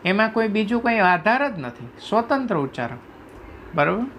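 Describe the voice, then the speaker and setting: A man teaching a class, explaining sounds slowly, reciting letters one by one and often asking if students follow. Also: high voice, big pitch swings, fairly bright tone, a little hiss or hum. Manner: repeatedly checks understanding with "right?". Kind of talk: classroom lecture explaining Sanskrit phonetics.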